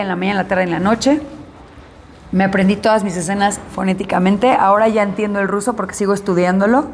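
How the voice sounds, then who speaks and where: Actress in an interview, woman, animated storyteller who voices the people she quotes, faint room noise. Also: fairly high pitch. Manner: animated, acts out dialogue in her story.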